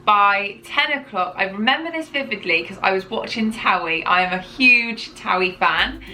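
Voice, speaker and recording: A woman's voice: medium pitch, expressive, moderate pace, pushed and bright, slight background noise, low-quality recording. A woman, telling her own story to camera in a chatty, rambling way, often correcting herself. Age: 30s. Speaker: parenting vlogger.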